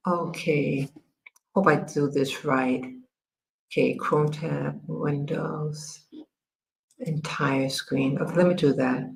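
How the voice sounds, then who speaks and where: A woman from America hosting a casual livestream, talking haltingly with many fillers and restarts while she works her screen. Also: sits low, fairly even intonation, creaky, slight background noise, rough recording. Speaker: livestream host.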